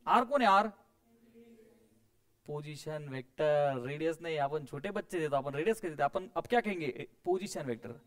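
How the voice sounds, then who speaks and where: A man's voice: on the high side, animated, moderate pace, a bit bright. A man teaching physics to a classroom of students, coaxing and quizzing them, mixing English terms in and adding playful sound effects.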